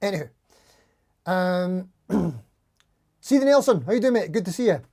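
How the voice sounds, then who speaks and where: Over-caffeinated man with a mellow voice. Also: sits high, expressive, moderate pace. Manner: over-caffeinated, jittery rambling; self-deprecating. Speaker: live stream host, guitar player. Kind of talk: casual live stream chat, greeting viewers.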